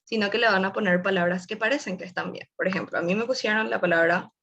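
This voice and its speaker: A woman's voice: medium pitch, fairly even intonation, quick pace, creaky, fairly bright tone, highs cut off. A young woman gives a casual online webinar presentation, explaining tips and speaking directly to her audience. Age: young adult.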